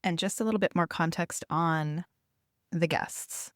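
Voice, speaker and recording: A woman with a notably low voice hosts a podcast from inside a small trailer. She talks casually and takes her time, with a very slow pace. The sound is close and dry, with hardly any room to it. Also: fairly bright tone, no room sound. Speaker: podcast host. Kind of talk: casual solo podcast intro, chatty.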